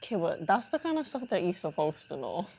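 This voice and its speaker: Low-voiced woman chiming in casually. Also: sing-song, fast talker, vocal fry, darkish tone. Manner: brief, agreeable interjections. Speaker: co-host of a couple's talk show. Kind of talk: casual chat.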